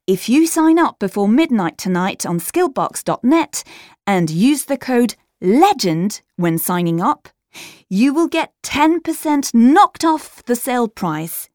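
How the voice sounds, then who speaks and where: A woman's voice: fairly high pitch, sing-song, slow, darkish tone, no room sound. A woman reading a scripted podcast sponsor message in an upbeat, boastful sales tone, recorded in a studio. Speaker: voice actor reading an exam audio script.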